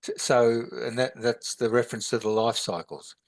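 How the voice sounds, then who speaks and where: A man's voice: mid-range voice, moderate pace, dry recording. A man, teaching in a podcast chat, rambling with many halts and restarts. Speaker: meditation and philosophy teacher.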